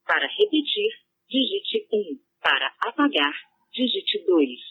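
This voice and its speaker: A woman voicing an automated voicemail system, with a flat, mechanical delivery. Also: mid-range voice, slow, husky, full character voice. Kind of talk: automated phone menu. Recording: tinny phone line.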